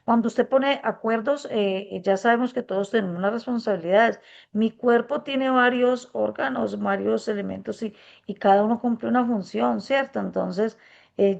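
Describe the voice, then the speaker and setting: A woman, a workshop participant giving an earnest, reflective testimony, speaking softly and gently with many hesitant fillers. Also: mid-range voice, gravelly. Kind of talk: spontaneous testimony. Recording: muffled dull recording.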